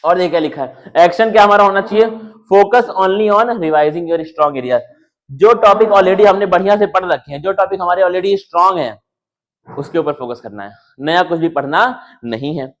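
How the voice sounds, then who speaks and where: A young man teaching board exam strategy in a casual, chatty way, slowly reading English lines off slides. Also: high-pitched, a bit bright. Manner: casual, addresses students as bhai and yaar.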